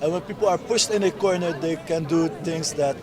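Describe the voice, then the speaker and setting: At an outdoor street protest, a man in his twenties from the Netherlands answers an interviewer in short, insistent phrases, earnest and emphatic. His voice is a little high and a little fast, and the recording carries a loud crowd of protesters.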